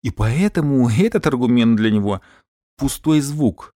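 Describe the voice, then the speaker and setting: A man's voice: medium pitch, animated, a little slow, mellow, dry recording, clean studio sound, lightly acted. A man reading aloud and voicing an anxious, emotional young woman who pleads and frets. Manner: pleading, tearful.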